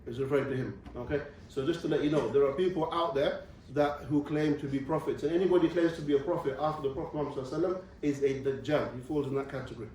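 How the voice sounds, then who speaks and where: A man's voice: on the high side, steady tone, racing, hardly any pauses, a little mellow, a little hiss or hum. A young man giving a religious lecture to students, explaining step by step and often checking in with "okay.". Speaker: visiting Islamic speaker. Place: university lecture room. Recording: distant mic in a very echoey room.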